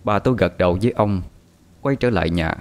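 A man narrating a story in a calm, measured scripted reading. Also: on the low side.

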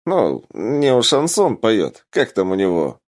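A man voicing a brash, blunt male fighter in an audiobook, with loud, impatient exclamations. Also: lowish voice, wildly swooping pitch, unhurried. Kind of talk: audiobook character voice.

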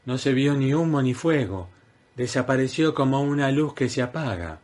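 A man voicing a gentle young woman doctor in an audiobook, speaking softly in a lightly raised voice. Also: mid-range voice, expressive, normal speed, voice pushed up, natural voice. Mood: calm.

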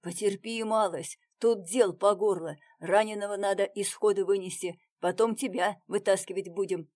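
A woman voicing a gruff, practical male comrade who talks in a brusque, reassuring way in a storybook reading. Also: medium pitch, steady tone, moderate pace, darkish tone, natural voice.

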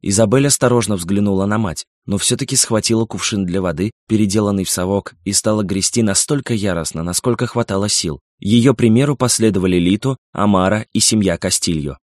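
A male audiobook narrator with a lowish voice reads a novel in steady, measured storytelling. The recording is dry and close, with no room sound at all. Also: no echo.

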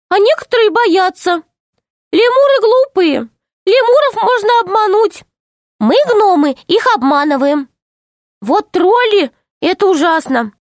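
Woman voicing a squeaky little gnome. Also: no room sound, studio quality. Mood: scornful. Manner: squeaky, excited exclamations. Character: small frightened excitable male gnome.

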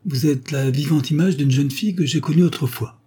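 A man's voice: fairly high pitch, dark tone, slightly rough, voice pushed up. Flustered young magistrate, read by a man. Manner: halting, breathless.

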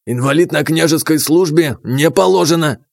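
A fussy, pedantic court treasurer with a German accent protests in clipped, ungrammatical phrases, as a male narrator puts him on. His voice rides a little high and turns shrill when he is cornered, and the recording is close and dry. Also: normal speed, gravelly, dry recording. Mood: indignant. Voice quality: clipped, broken grammar.

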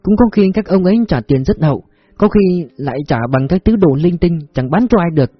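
A man reading a story, voicing a humble, polite poor woman who sells food; husky and dry. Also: high voice, expressive, brisk, no echo, muffled recording, soft background music, pitched above the performer's own voice. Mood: deferential. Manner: deferential, polite.

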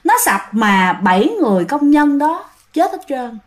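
Woman, Southern Vietnamese accent, ghost story narration, chatty, high voice, animated. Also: a little slow. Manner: chatty, addresses listeners directly.

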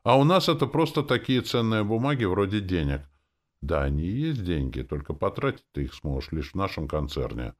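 A man voicing a measured, businesslike male gnome who talks with formal politeness in an audiobook. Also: deep voice, big pitch swings, voice pushed up. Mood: hasty. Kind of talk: audiobook character voice.

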